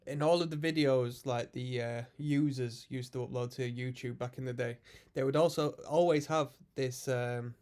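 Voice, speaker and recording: With a darkish, medium-pitched voice and fairly even intonation, a male music reaction host talks at normal speed with few pauses. He sounds congested from a cold as he casually muses over a metal song, explaining what the guitars and synths are doing and defining the terms.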